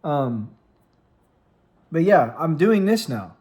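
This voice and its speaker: Very animated and a little mellow, this high-ish male voice belongs to an American vlogger and streamer in his late twenties. Speaking into a studio microphone in his room with lights, plants and a cat on his lap, he rambles earnestly, with frequent restarts and trailing pauses.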